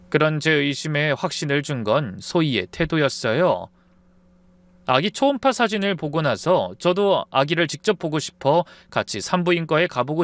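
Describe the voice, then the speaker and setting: Man, storyteller, first-person narration, calm, confiding, animated pitch, slightly high voice. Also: no echo.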